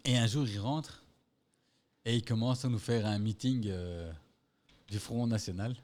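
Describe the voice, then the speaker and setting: A man's voice: fairly low pitch, measured pace, darkish tone. A man telling anecdotes in a loose, casual chat, swearing freely and imitating other people. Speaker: podcast co-host.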